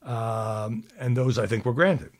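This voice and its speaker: A man's voice: mid-range voice, lively intonation, slow. A man hosting political commentary, reading quotes aloud and adding sardonic asides.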